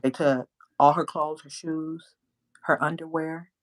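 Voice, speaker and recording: A woman hosting a casual chat, telling a story with lively acted-out quotes. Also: low-pitched, unhurried, rough recording. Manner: animated storyteller, acts out quoted voices. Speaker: host.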